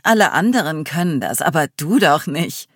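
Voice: medium pitch, animated, normal speed, a bit bright, no echo, studio quality. A reader doing a taunting young woman. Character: young woman Clio quoting a mocking inner voice.

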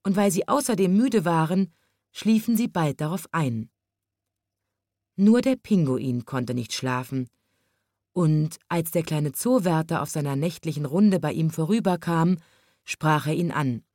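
A woman reading a children's story aloud with an expressive storytelling lilt. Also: low voice, unhurried, no echo, clean studio sound.

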